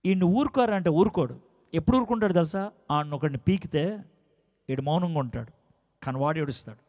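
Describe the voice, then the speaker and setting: A man preaching a sermon as a dramatic story, swinging from soft, hushed lines to loud climaxes. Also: on the high side, animated, quick pace. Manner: acts out quoted dialogue in story.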